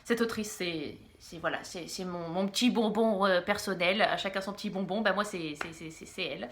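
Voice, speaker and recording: A young woman reviewing graphic novels in a casual, halting way, giggling often and slurring a little because she is groggy from medication. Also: medium pitch, a bit bright. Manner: giggly, halting, stumbles over words. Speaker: book vlogger.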